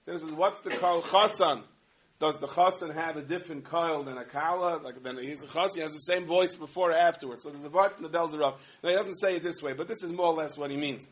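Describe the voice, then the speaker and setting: A man delivers a humorous sermon. He tells stories in an animated way, full of asides. His voice sits a little higher than most men's. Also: fast talker. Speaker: rabbi giving a talk.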